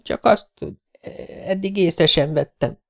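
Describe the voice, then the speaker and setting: A man's voice: sits high, vocal fry, voice pushed up. A man voicing a nervous young woman who hesitates and stammers. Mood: flustered.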